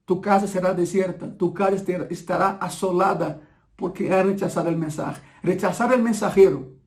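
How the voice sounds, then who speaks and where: A man preaching a sermon, emphatic and repeating key phrases slowly so the congregation absorbs them. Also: high-pitched, darkish tone.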